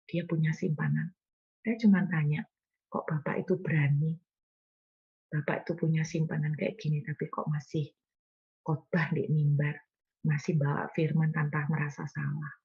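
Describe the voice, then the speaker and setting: Woman preacher, folksy passionate sermon, very breathy, muffled sound. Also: low-pitched, a little mellow. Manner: passionate, folksy, talking directly to the congregation.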